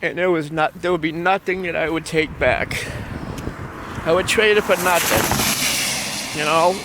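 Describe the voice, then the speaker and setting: A man's voice: a little high, steady tone, a little slow, background noise. A man, walking outdoors on a city street and rambling affectionately as he tells personal stories for his vlog, repeating himself often. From Massachusetts. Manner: rambling, repetitive, affectionate storytelling. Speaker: vlogger.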